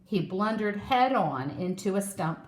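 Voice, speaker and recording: A woman storyteller reads a children's story aloud, slow and expressive. Her voice sits in the middle and carries an echo from a roomy space. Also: mid-range voice. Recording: echoey room.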